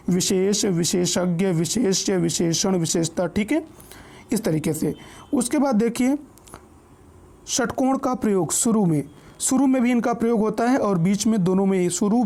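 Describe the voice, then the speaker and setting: A man's voice: high-pitched, mellow. A man teaching an exam-prep grammar lesson, explaining step by step and reading out lists of example words. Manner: checks in often with the listener.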